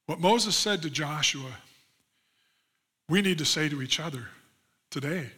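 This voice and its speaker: High, bright-voiced male pastor preaching. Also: measured pace, breathy edge. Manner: reads scripture passages aloud and then expands on them; earnest, rising emphasis on key promises. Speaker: lead pastor. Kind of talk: sermon.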